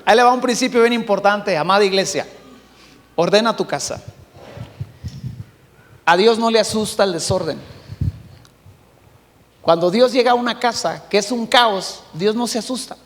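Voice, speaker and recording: High-voiced Mexican pastor in an echoing church. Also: male voice. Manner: swings between shouting and hushed, acts out voices. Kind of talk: sermon. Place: church hall.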